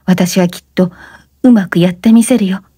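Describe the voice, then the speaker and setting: A woman voicing a gentle, earnest young man who speaks in a hushed, reassuring way in a spoken story reading. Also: medium pitch, moderate pace, slightly rough, no room sound, clean studio sound, close to an everyday voice. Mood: soothing.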